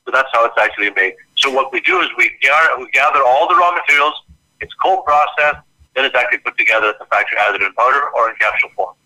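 A man from Ireland talks fast and emphatically as a guest on a live interview show. His voice is very bright and forceful, and he rattles through his points with barely a pause. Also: mid-range voice, lively intonation, rough recording. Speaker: guest nutrition expert. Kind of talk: casual interview talk.

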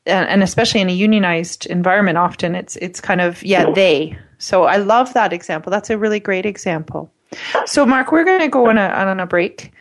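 Host: woman, mid pitch, chatty and upbeat interview talk. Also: a little fast. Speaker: radio show host. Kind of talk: radio interview.

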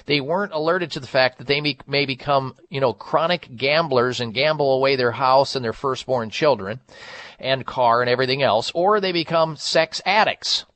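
A man's voice: medium pitch, normal speed, fairly bright tone. An American man hosting a radio talk show, addressing his listeners in a monologue. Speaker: radio health show host.

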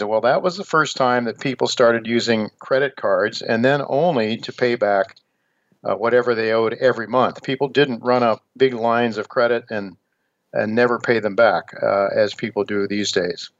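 A man's voice: mid-range voice, moderate pace, dry recording. Dull-sounding older American man hosting radio. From United States, Ohio. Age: 70s. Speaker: radio show host and newsletter editor. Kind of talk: radio monologue on financial markets.

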